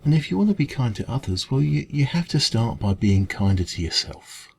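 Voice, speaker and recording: In an ASMR roleplay, an English-accented man voices a kind, caring male dragon who runs a café, offering comforting one-to-one talk. His creaky, mid-range voice has a sing-song lilt and moves a little fast, gentle and reassuring with hesitant, earnest encouragement. There is slight background noise.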